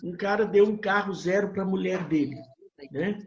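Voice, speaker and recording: A Brazilian man from Minas Gerais leads a church couples class with a fairly high voice. He talks loosely, dropping in tags and restarting sentences. The sound is roomy and muffled, with faint background noise. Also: moderate pace. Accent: Brazilian Portuguese, Minas Gerais. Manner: conversational, with many filler tags and restarts. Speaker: pastor.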